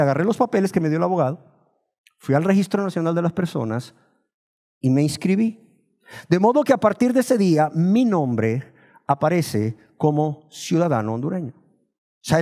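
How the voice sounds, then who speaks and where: Man from Nicaragua, preacher, high voice, rhetorical questions, drawn-out scripture words. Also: dark tone. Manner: asks the congregation rhetorical questions; slows down to stress scripture words. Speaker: pastor. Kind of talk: sermon.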